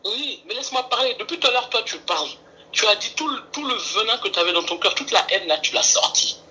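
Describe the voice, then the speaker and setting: A woman speaks on a call into a live stream, her voice bright and sharp-edged. She talks earnestly and keeps pleading for calm. A faint hiss sits under her voice. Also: fairly high pitch, fast talker, rough recording. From France. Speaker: caller.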